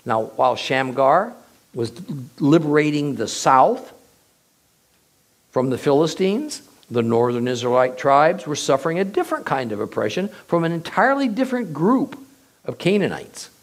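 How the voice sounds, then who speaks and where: A man giving a verse-by-verse Bible teaching, reading the passage aloud and then explaining it with emphatic, drawn-out phrasing. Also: fairly high pitch. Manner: expressive, emphatic delivery with drawn-out pauses.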